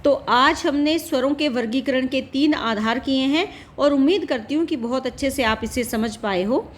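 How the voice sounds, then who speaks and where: A woman with a high voice teaches a lesson patiently. She repeats her points and poses questions before answering them. A faint hiss sits under her voice. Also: normal speed. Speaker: Hindi teacher. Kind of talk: classroom-style lesson explanation.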